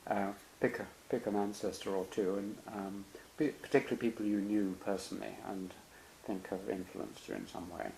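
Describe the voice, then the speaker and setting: Low-voiced man gently asking questions. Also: steady tone, moderate pace, vocal fry, few pauses, a little hiss or hum, poor audio. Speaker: interviewer. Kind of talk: conversational interview questions.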